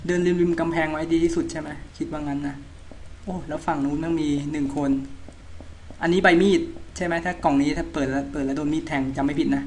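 A man's voice: fairly high pitch, steady tone, fast talker, slight background noise. A man giving casual, chatty commentary as he plays a horror game, polite and talking half to himself. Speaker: let's-play gamer.

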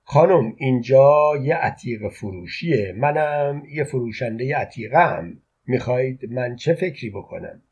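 A man reading a guarded antique dealer who keeps denying who he is, with a husky voice. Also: medium pitch, animated, darkish tone, lo-fi sound. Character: wary antique dealer man hiding his past.

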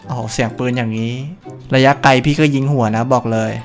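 A young man giving casual gameplay commentary while shooting, brash and boastful, swearing freely and bursting into loud shouts at kills. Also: mid-range voice, fairly even intonation, fairly quick, loud music behind the voice. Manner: brash, profane, boastful trash talk. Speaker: gameplay streamer.

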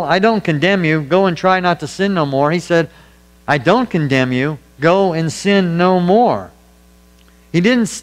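A man's voice: fairly high pitch, poor audio. A man preaching a sermon as pastor, earnest and emphatic, hammering points home through repetition. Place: church.

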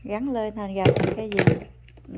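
A woman chatting at home with her toddler as a mother, coaxing and praising in a patient, gentle way. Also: mid-range voice, heavy background noise. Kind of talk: casual family chat to a small child. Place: home, indoors.

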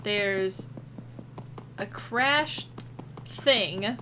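A woman's voice: mid-range voice, very slow, pushed and bright, a little hiss or hum. A woman giving casual commentary as she plays a video game.

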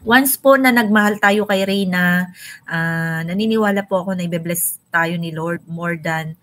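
A woman's voice: fairly low pitch, normal speed, a bit bright. A young woman hosting a casual live stream, chatting and greeting viewers by name.

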